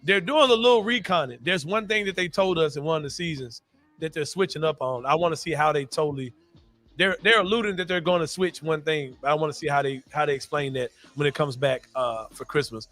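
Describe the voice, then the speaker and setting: A man's voice: fairly high pitch, a little fast, fairly bright tone. A man hosting a casual podcast, talking in loose slang, laughing often and leaning on "bro" for emphasis. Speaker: podcast host. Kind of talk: casual sports and pop culture chat.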